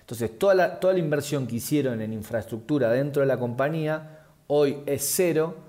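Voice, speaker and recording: A man speaking as an expert guest, explaining things in a measured way with frequent fillers and restarts. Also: mid-range voice, mellow. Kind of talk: explanatory interview answers.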